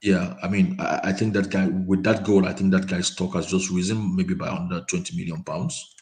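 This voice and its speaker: A man with a very low voice, a panel guest, talks football in a relaxed chat at a moderate pace. His speech halts often and is full of repeated words and ums, coming through a quiet remote call microphone.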